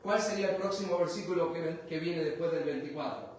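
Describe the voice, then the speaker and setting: A high-pitched male pastor preaches a live sermon, rousing and quizzing his congregation for answers. His voice rings out in a very echoey church hall and is picked up from a distance, with a faint hiss behind it. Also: fairly quick.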